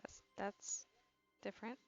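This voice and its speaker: A woman's voice: a little slow, faint music behind. Woman streamer, dull lo-fi sound. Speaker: game streamer. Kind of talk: casual live reaction commentary.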